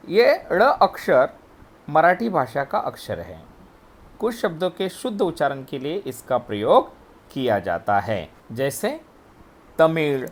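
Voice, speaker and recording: A man teaching a grammar lesson, explaining letters and sounds slowly, step by step. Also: fairly high pitch. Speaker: Hindi teacher. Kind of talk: recorded classroom lesson.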